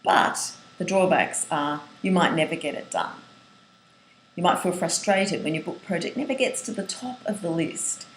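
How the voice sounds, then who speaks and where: A woman's voice: lowish voice, expressive, normal speed. A middle-aged woman, a writing coach, giving a webinar lesson in an earnest manner, listing points and sometimes restarting phrases. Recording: roomy echo, faint hiss.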